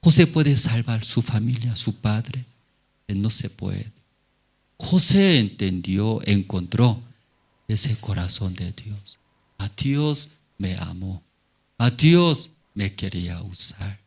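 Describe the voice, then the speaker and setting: A man's voice: fairly low pitch, expressive, slow pace, husky. A male pastor preaching a sermon in short, simple phrases with frequent rhetorical questions to the congregation.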